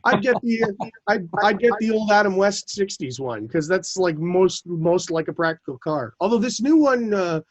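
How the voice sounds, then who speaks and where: A man co-hosting a film podcast, chatty and enthusiastic, with quick asides. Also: high voice, lively intonation, no room sound. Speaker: podcast co-host. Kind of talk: casual film talk.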